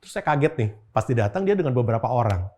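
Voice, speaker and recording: A man's voice: mid-range voice, big pitch swings, very fast, darkish tone. A man, a guest in an interview, telling a personal story in casual chat, with frequent filler words. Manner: storytelling with frequent 'gitu' fillers and acted-out quotes.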